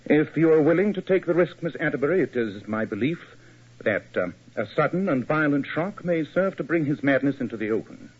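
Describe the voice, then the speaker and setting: Brief: Sherlock Holmes, measured and authoritative, lively husky delivery, lo-fi old radio. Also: male voice, on the high side. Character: Sherlock Holmes, cool, precise detective. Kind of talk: 1940s radio acting. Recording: lo-fi 1940s radio broadcast.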